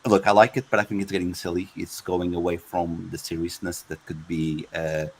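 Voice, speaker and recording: A man co-hosting a casual gaming podcast, speaking in a measured, hesitant way full of fillers. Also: deep voice, flat delivery, slight background noise, low-quality recording. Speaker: podcast co-host.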